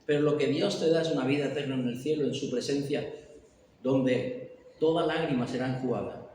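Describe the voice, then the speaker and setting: A man from teaching a church Bible study, animated, acting out the voices of people he describes. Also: mid-range voice, fairly quick. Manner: animated, acts out voices of the lost. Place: church hall. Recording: echoey hall from far off, faint hiss.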